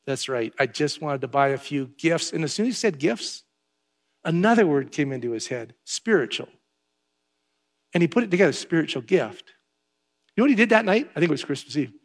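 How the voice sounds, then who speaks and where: A man's voice: fairly high pitch, sing-song, brisk. An older man preaching a Christmas sermon, telling stories in a conversational way and repeating key phrases for emphasis. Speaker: pastor.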